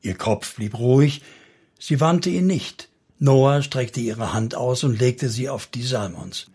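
A man narrating a solemn story in steady, scripted audiobook style. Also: mid-range voice, takes it slowly, slightly rough.

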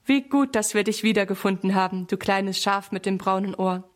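A woman's voice: mid-range voice, moderate pace, lightly acted. A woman voicing a loving father sheep in a children's story, speaking in a tender, fatherly way. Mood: joyful.

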